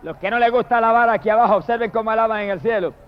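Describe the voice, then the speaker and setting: A man with a Puerto Rican accent preaching a fiery sermon, shouting long hallelujahs and then dropping to murmured prayers. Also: high-pitched, very fast, clean tone. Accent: Puerto Rican Spanish. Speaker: evangelist preacher. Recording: dull lo-fi sermon recording.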